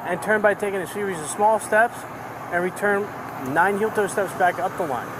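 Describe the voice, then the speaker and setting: A man's voice: high-pitched, moderate pace. A male police officer giving methodical, repetitive step-by-step instructions for a sobriety test. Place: outdoor city sidewalk at night. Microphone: body-worn camera on the speaker. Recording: noisy outdoor body camera audio. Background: street and vehicle noise.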